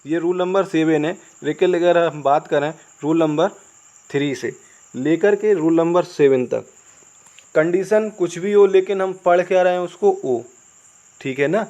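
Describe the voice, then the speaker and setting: A man's voice: a little high, unhurried, a little mellow. Chatty Indian man teaching spelling rules. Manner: chatty, asks the viewers "clear?" often; spells words out letter by letter. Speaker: English teacher. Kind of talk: casual Hindi classroom explanation.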